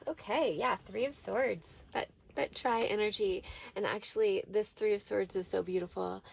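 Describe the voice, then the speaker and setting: Very creaky-voiced woman in a small trailer. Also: mid-range voice, a little mellow, a little hiss or hum. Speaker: tarot reader and host. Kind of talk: casual spiritual check-in to viewers.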